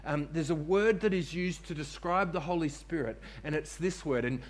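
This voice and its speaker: A man's voice: fairly high pitch, moderate pace. A man preaching a sermon to a congregation in church, repeating key phrases for emphasis and calling on listeners to respond. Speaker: pastor.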